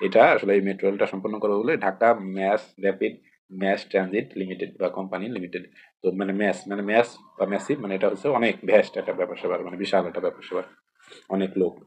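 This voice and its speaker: Brief: male exam tutor, Bangladeshi accent, husky low voice, rambling with repeats. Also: a little mellow. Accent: Bangladeshi Bengali. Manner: rambling, repeats and spells out words, many fillers. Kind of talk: casual explanatory lesson.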